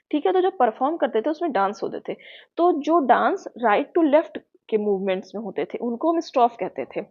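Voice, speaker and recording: A woman with an Indian accent giving an exam-prep lecture, explaining patiently and checking in with her students often. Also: high-pitched. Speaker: teacher. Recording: muffled lo-fi sound.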